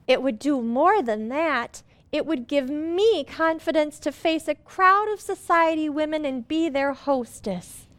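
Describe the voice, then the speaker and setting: An actress playing a sweet, excitable young housewife with a wholesome, earnest manner in a radio comedy. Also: female voice, sits high, measured pace, hardly any pauses, no echo. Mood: admiring. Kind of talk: old-fashioned radio comedy acting.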